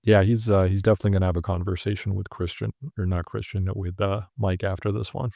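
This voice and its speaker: Low gravelly-voiced man chatting casually. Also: little pitch movement, quick pace, dark tone, dry recording, clean studio sound. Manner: laid-back, many fillers like "like" and "uh". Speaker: podcast co-host. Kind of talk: casual recap chat.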